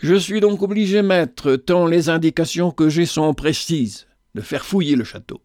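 A stern, commanding army captain from a storybook, put on by a male reader. The voice sits clearly higher and a touch louder than the narration, formal and insistent, with a dry close sound. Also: moderate pace, no echo, close to an everyday voice. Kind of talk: storybook reading.

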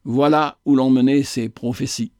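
A man's voice: mid-range voice, steady tone, moderate pace, a little mellow, no room sound, studio quality, natural voice. A man reading a grave old master. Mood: somber. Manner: grave storytelling. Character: old schoolmaster telling a ghost story.

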